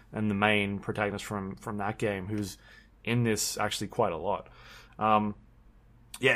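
A man's voice: mid-range voice, fairly bright tone. A man co-hosting a podcast in casual chat, rambling along with many ums and restarts. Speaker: podcast co-host.

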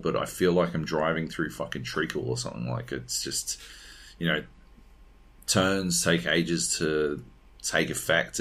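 A man with a very deep, slightly bright voice co-hosts a podcast, reviewing video games in casual unscripted chat. He's blunt, rambles, and swears.

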